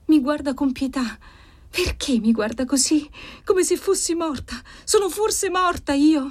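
A woman's voice: high-pitched, unhurried, voice pushed up. Woman voicing a terrified young girl seeing a ghost. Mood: frightened. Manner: trembling, pleading, breathless.

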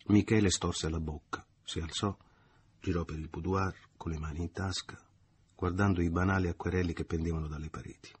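A man narrating a literary novel as an audiobook in a measured, expressive reading. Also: sits low, breathy edge.

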